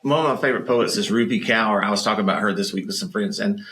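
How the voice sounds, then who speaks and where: A man's voice: lowish voice, fast talker, fairly bright tone. A man co-hosting a podcast, chatting casually and thinking aloud through long rambling questions. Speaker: podcast co-host. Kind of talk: casual chat.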